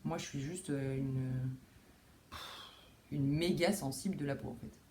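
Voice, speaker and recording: A woman's voice: very deep voice, unhurried, warm tone, a little hiss or hum. Chatty woman hosting a knitting podcast. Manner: chatty, self-deprecating, many fillers and restarts. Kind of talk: casual chat. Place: home room with window.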